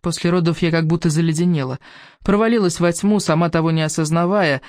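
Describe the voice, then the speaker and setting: A woman reading an audiobook, voicing a remorseful elderly woman who speaks softly and haltingly. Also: on the low side, no echo, studio quality, close to an everyday voice. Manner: soft-spoken, halting. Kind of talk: audiobook character voice.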